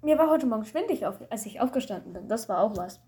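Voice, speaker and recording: A woman's voice: a little high, expressive, fast talker, warm tone, slight background noise. A woman, a student, chatting casually over a call and telling rambling, self-mocking stories with lots of fillers.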